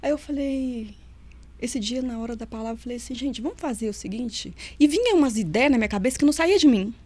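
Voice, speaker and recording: Lively woman telling stories. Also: on the high side, quick pace, no echo. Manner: lively storyteller who acts out quoted voices. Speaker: nutritionist and former prison officer, guest. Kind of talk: storytelling in a casual interview.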